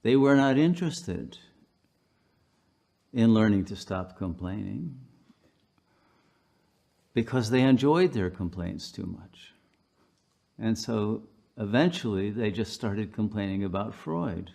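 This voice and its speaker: A man's voice: fairly low pitch, lively intonation, slow, gravelly, long pauses, dark tone. A male pastor delivering a sermon, telling stories unhurriedly with frequent fillers.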